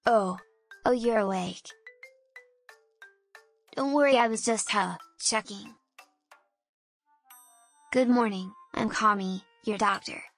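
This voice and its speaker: A woman playing a polite, concerned doctor in a scripted bedside role-play, with a measured manner. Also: mid-range voice, a bit bright, soft background music.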